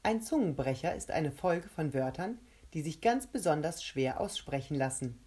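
A woman voicing a gloating male monster made of a huge mouth, who taunts and shouts triumphantly. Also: sits low, animated, moderate pace, husky.

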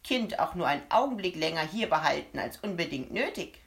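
Brief: woman doing a nasty little man in a storybook, loud and sneering, swooping pitch. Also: expressive, fairly quick, gravelly. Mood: shouting angrily. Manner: shouting, sneering, gleeful cruelty. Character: spiteful little man who hates children. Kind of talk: audiobook character voice.

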